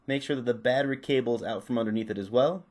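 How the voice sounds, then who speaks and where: Narrating off the cuff while he works, a man rattles through a repair tutorial in rapid-fire speech. His voice is mid-range and a little mellow, and he explains each step casually.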